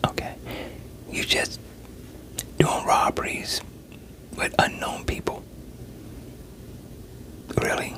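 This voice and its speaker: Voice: slow, long pauses, bright, forceful tone, poor audio. A performer in a whispered role-play voicing a veteran police interrogator who coaxes and pressures a suspect in a sceptical, streetwise way. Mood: probing, coaxing.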